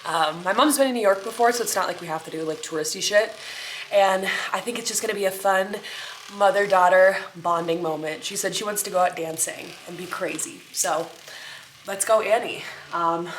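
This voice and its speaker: A woman's voice: mid-range voice, steady tone, fairly quick, fairly bright tone, slight background noise, poor audio. A young woman chatting casually to camera as a running vlogger, in an informal, chatty way. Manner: informal, chatty, mild swearing.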